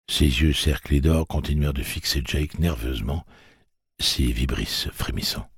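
A man reading an audiobook story in a measured, steady way. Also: very deep voice, creaky, slightly rough, no room sound, clean studio sound. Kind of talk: audiobook narration.

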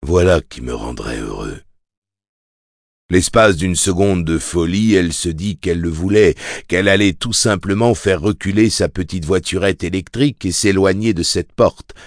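A man narrating a novel as an audiobook in a measured, even storytelling manner. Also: low voice, no echo, studio quality. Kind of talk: scripted narration.

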